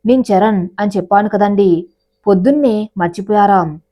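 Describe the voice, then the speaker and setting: A woman reads a persistent young man in a spoken storybook, pleading and melodramatic as he begs for attention. The tone stays mellow and soft. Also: mid-range voice, normal speed, soft background music, close to an everyday voice.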